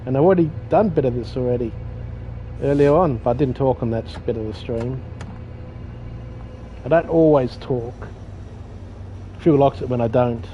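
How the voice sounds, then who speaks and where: A gaming streamer with a dark, mid-range voice talks at normal speed but pauses often while playing a train driving game. He rambles, pokes fun at himself and swears mildly, and the dull lo-fi audio carries faint game noise.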